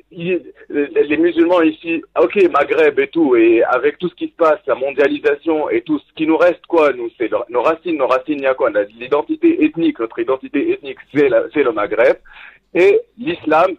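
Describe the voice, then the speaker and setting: Calling in to a live talk stream, a man from Tunisia whose native language is Arabic talks earnestly but haltingly, restarting often. He sounds very animated and slightly rough, pitched on the high side, over dull lo-fi phone audio.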